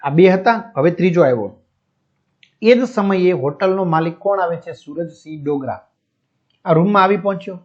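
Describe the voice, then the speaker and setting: Male teacher, high voice, explains words one by one, asks himself questions, muffled lo-fi recording. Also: moderate pace, a little mellow. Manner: explains each word with a simpler one, asks and answers his own questions. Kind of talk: explaining a school textbook lesson. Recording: dull lo-fi audio.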